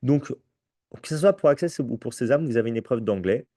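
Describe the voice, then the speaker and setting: A man's voice: mid-range voice, lively intonation, a little fast, dark tone, no echo, clean studio sound. A man teaching, presenting entrance exams to an audience in a conversational way, often checking "ok?", with restarts along the way, and with a French accent. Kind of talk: live conference presentation.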